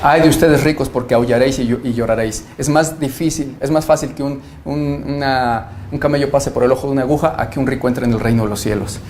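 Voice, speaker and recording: A man's voice: medium pitch, steady tone, quick pace, few pauses, a little mellow. Pastor guy, earnest and emphatic, quotes scripture a lot, faint background hiss. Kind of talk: interview answer, preaching.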